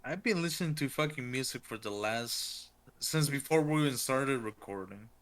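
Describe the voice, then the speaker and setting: A man's voice: mid-range voice, lively intonation, moderate pace, a bit bright. A young man rambling casually on a podcast. He swears freely and leans on slang and filler words. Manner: slangy, loose profane talk with many fillers. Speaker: podcast co-host. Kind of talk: casual chat.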